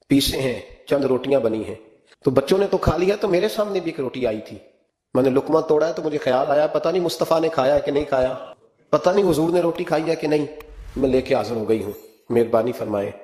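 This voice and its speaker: A man's voice: mid-range voice, mellow, reverberant. A man delivering an impassioned sermon as a cleric, telling stories and acting out quoted speech. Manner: impassioned, rising into emphatic rhetorical questions; storytelling, acts out quoted speech. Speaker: Islamic cleric.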